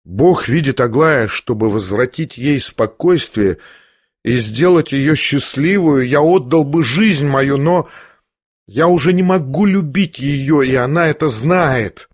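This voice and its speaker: A man reading an audiobook, voicing a gentle, anguished young prince who speaks softly and hesitantly. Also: medium pitch, measured pace, no echo, clean studio sound, close to an everyday voice. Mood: pleading. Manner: soft, hesitant, pained. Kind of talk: audiobook character voice.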